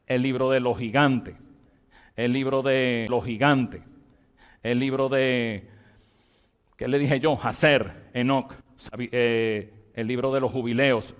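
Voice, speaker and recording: A Venezuelan pastor with a mid-range voice and Venezuelan Spanish accent leads a Bible study in a church, emphatically repeating and dictating terms to his congregation.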